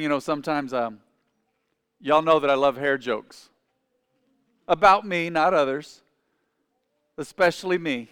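A man's voice: sits high, fairly bright tone, smooth. A man in his forties preaching a sermon as pastor, calling on the congregation to repeat phrases after him. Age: 40s. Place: church sanctuary. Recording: long reverb of a large hall.

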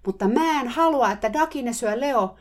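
A woman voicing a quick-tempered female horse owner who shrieks and answers curtly. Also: on the high side, lively intonation, voice pushed up, close to an everyday voice. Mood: shrieking. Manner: shrieking, curt.

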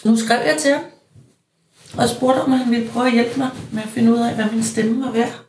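A woman's voice: fairly high pitch, fairly even intonation, a little mellow, slight background noise. A woman in her forties hosting her own podcast, talking candidly and reflecting on herself. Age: 40s. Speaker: podcast host. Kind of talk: personal podcast narration.

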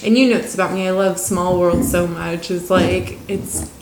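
A woman's voice: fairly low pitch, level tone, normal speed. A woman co-hosting a casual board game review chat, enthusiastic and gushing, with lots of ums and casual swearing. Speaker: board game show co-host. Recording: roomy echo, faint noise.

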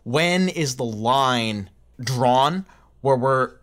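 A man co-hosting a film podcast, giving opinionated, animated reviews in a casual chat. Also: medium pitch, extremely slow. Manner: opinionated, animated, laughs often. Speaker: podcast co-host.

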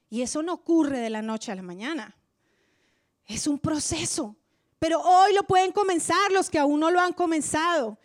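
A woman preaching a sermon in a church, impassioned, swinging from loud declarations to hushed near-whispers. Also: high-pitched, no room sound, studio quality.

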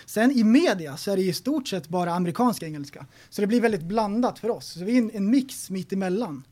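Man, poddvärd, livlig och skrattig, stor tonvariation. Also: high-pitched. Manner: animated, laughing, exclaiming. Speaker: podcast co-host. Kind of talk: casual chat.

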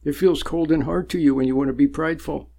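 A man giving a sermon-like spiritual talk, slow and deliberate, with long pauses and sudden emphatic rises. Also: a little high, fairly even intonation, creaky, dark tone. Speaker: spiritual teacher.

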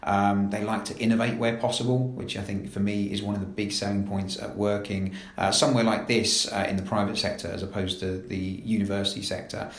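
A man in his thirties from London, England, with a London accent, introduces himself as the new assistant director of recruitment in a staff introduction interview. His low, gravelly voice keeps a level tone and brisk pace with few pauses, and it sounds reverberant. He's chatty and casual, using lots of "uh" fillers and repeating "very, very".

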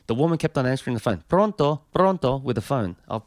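A man's voice: medium pitch, expressive, rapid-fire, darkish tone, no room sound, clean studio sound. A touring musician, a man, telling a long anecdote with a rambling manner full of fillers and restarts.

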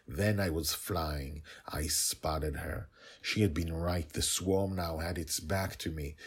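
A formidable dragon, played by a man, tells his own story in a low, rough-edged voice. The delivery is solemn and dramatic, like a devoted guardian recounting an adventure for an audio storybook. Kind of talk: scripted audio story narration.

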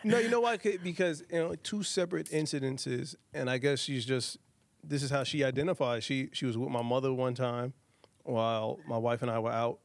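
A man co-hosting a podcast who tells a family anecdote in an animated way and laughs through his lines. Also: mid-range voice, fairly quick, creaky, no room sound. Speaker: podcast co-host. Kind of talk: casual chat, storytelling.

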